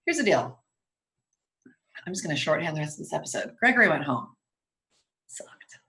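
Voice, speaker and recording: A woman co-hosting a casual TV recap chat, joking and making quick asides. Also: low voice, big pitch swings, sharp tone. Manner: chatty, jokey, quick asides. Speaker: co-host.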